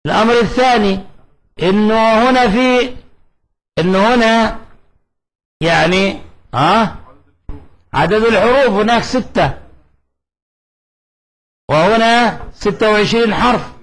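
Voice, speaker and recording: Male recitation teacher, high-pitched, quizzing the class and demonstrating letter sounds. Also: measured pace, pauses often, fairly bright tone, poor audio. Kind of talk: tajweed lesson to students.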